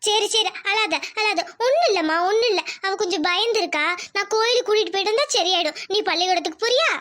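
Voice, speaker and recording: A woman voicing a motherly village aunt who calms a frightened child in a cartoon. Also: very high-pitched, rapid-fire. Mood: soothing. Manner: calming, reassuring.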